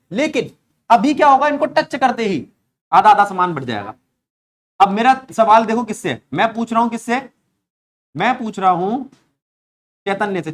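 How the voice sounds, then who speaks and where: Chatty man teaching a physics class. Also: sits high. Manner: chatty, jokes and stories, quizzes students. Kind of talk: classroom lecture.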